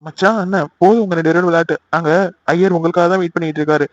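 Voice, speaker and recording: Man doing an eager young cartoon brother, pushy, high pitched, dull lo-fi sound. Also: very fast, slight background noise, lightly acted. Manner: excited, hurrying, pushy.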